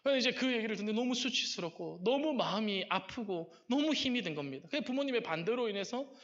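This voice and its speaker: A man preaching a sermon, telling a story with lively shifts and softly acting out quoted prayers. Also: sits high, fast talker, dull audio. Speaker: pastor. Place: church sanctuary.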